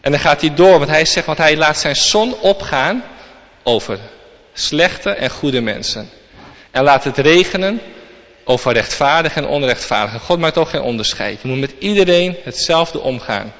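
A man's voice: on the high side, animated, normal speed, fairly bright tone. Dutch-speaking man preaching in a reverberant hall. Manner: reads scripture aloud, then explains it. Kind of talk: sermon. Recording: long reverb, dull lo-fi sound.

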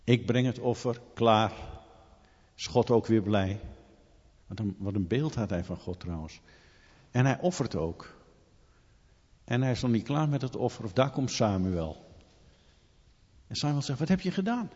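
A man preaching a sermon in an animated storytelling manner, full of rhetorical questions. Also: on the low side, unhurried, pauses often. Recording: long hall reverb, dull lo-fi sound.

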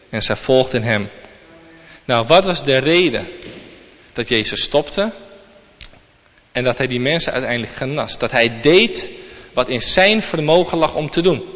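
A preacher reads scripture aloud and then explains it to his congregation during a sermon. His voice is medium in pitch with a fairly bright tone, and the dull, lo-fi recording carries a long reverb.

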